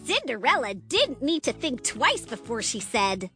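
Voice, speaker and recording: A woman narrating a scripted children's story with animated, dramatic build-up. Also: fairly high pitch, unhurried, faint music behind.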